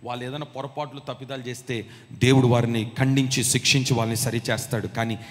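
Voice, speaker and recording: A man's voice: mid-range voice, little pitch movement, fast talker. A man preaching a sermon in a church hall, emphatic and calling the congregation to respond aloud. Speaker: pastor. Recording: long hall reverb.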